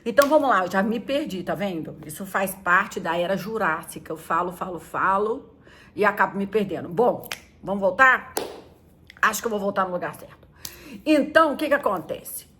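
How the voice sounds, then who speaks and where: A woman's voice: animated, moderate pace, pushed and bright, a little hiss or hum. A middle-aged woman pastor talking casually and playfully to teenagers, often acting out little scenes. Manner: chatty and playful, acting out quotes in high squeaky voices.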